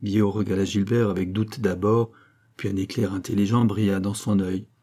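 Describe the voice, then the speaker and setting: Husky, mellow male audiobook narrator. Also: lowish voice, level tone, moderate pace. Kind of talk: scripted narration.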